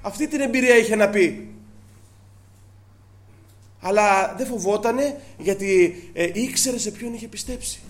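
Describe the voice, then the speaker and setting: A man's voice: high-pitched, pauses often. A man preaching a sermon to his congregation, asking rhetorical questions and quoting scripture earnestly.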